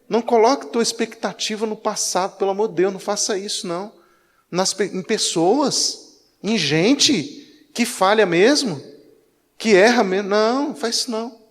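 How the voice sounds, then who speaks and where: In an echoey church hall, a high-voiced pastor with a Brazilian Portuguese accent preaches a conversational sermon, acting out his anecdotes.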